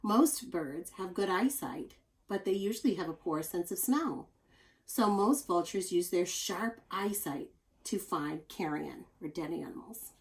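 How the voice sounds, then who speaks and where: A woman reads a children's nonfiction book aloud like a teacher, expressive and explanatory, with chatty asides for young listeners. Her voice is lowish and measured in pace, and the audio quality is poor.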